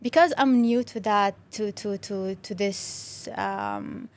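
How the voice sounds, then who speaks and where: Taking her time, a young woman with a mid-range voice chats as an interview guest, where she appears as a creative director. She is from Syria, a native Arabic speaker with a Syrian Arabic accent, and her casual, friendly speech includes many fillers and restarts.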